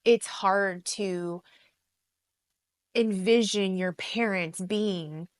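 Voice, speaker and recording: A middle-aged woman co-hosting a podcast, telling stories in a blunt, profane, animated way. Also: medium pitch, very slow, dry recording. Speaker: podcast co-host. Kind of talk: casual chat.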